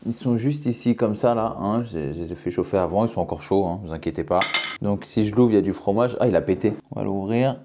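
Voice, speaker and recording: A man's voice: on the low side, quick pace, background noise. A young man casually talking through a food-tasting vlog, joking and speaking directly to his viewers. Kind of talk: casual vlog with sponsor read.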